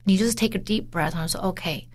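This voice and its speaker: A woman's voice: medium pitch, very fast, crowd noise. A woman co-hosting a casual podcast chat, slipping English phrases into her talk and acting out quotes with animation. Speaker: podcast co-host.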